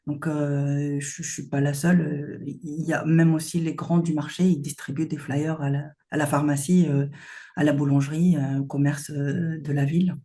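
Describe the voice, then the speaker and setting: A woman's voice: deep voice, little pitch movement, normal speed, warm tone. A woman founder answering interview questions earnestly, with many hesitations. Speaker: company founder, guest.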